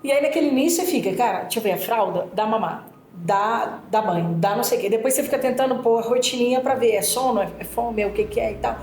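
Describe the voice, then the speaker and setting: A woman's voice: fairly high pitch, fast talker, few pauses. Chatty Brazilian woman in a roomy studio. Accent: Brazilian Portuguese. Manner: animated storytelling with many fillers. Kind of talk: casual chat. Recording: roomy sound with music behind.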